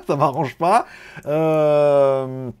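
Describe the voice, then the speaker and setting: Man, tech vlogger, lively up-and-down pitch, slightly high voice, rambling casual chat, frequent swearing. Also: drawn-out words, smooth. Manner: loose, rambling, swears often, laughs at own jokes. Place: living in Thailand.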